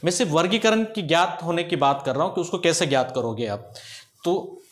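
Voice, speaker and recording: High-voiced man teaching a grammar lesson. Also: expressive, a little fast. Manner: explanatory, asks checking questions often. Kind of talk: explaining Hindi grammar lesson.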